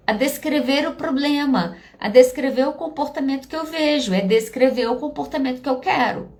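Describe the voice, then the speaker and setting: A middle-aged Brazilian woman, a psychologist, giving casual advice and telling stories while speaking straight to her viewers. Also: high voice. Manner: animated storytelling, addresses viewers directly.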